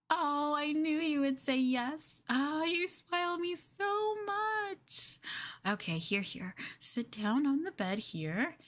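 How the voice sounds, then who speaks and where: An ENVtuber streamer with a mid-range voice performs an ASMR roleplay as a sweetly possessive, obsessive young girlfriend. She coos and coaxes, moving between soft speech and whispers.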